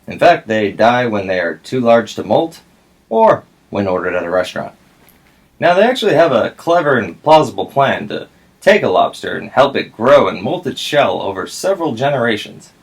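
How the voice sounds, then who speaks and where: A mid-pitched man delivers satirical headlines. He stays dry and mock-serious, in the style of a news anchor. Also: very animated, normal speed, vocal fry.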